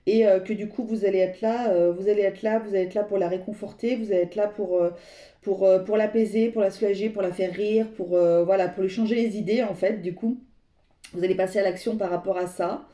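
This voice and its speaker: Speaking a little fast in a dark, mid-range voice with fairly even intonation, a woman gives her viewers a tarot reading. She talks right to them, meandering and fumbling for words amid roomy echo.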